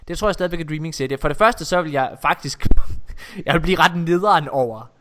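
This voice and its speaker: A man's voice: a little high, fairly bright tone. A man hosting a casual gaming podcast over Skype, talking animatedly with many fillers and restarts. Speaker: podcast host.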